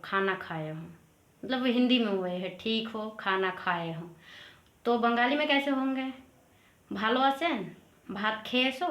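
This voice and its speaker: A woman from Assam giving a casual spoken language lesson, explaining each phrase and repeating it slowly. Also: a little high, fairly bright tone. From Assam, India. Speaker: language teacher. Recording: roomy echo.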